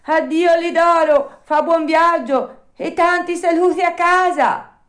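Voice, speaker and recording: A woman's voice: high voice, measured pace, voice pushed up. Pinocchio, a woman doing a piping puppet boy. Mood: cheery. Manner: bright, piping child-like delivery. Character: wooden puppet boy, cheeky and wary.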